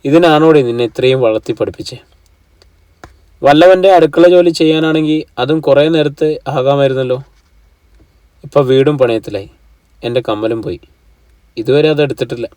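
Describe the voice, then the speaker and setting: A man's voice: medium pitch, moderate pace, long pauses, darkish tone, no room sound, far from the mic, lightly acted. Brief: male narrator voicing a weary mother, nagging and complaining, dry close-less sound, mic set back. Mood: scolding. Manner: scolding, complaining. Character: worn-out, scolding middle-aged village mother.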